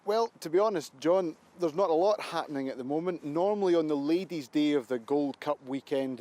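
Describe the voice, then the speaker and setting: Man, news reporter. Somewhat high-pitched voice, broadcast report delivery. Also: a little mellow.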